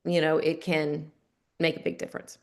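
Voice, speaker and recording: A woman panelist shares frank stories about her own habits. Her voice sits a little low, and she talks loosely and with humor about herself. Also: level tone, normal speed. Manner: candid, self-deprecating storyteller. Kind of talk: casual discussion.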